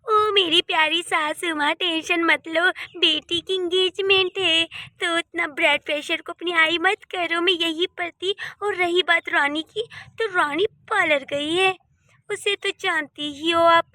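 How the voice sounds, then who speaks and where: A woman voicing a breezy, cheeky young daughter-in-law in a cartoon, sweet-talking and calm. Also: very high-pitched, a little slow, dry recording, heavily acted. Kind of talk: Hindi cartoon voice acting.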